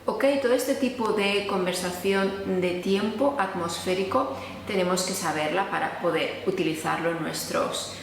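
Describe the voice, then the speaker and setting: This Spanish woman, with her Spanish accent, runs an informal online lesson, giving explanations and playing out sample dialogues. Her voice is on the low side and unhurried, with a little hiss or hum, recorded in an echoey room with a long reverb tail.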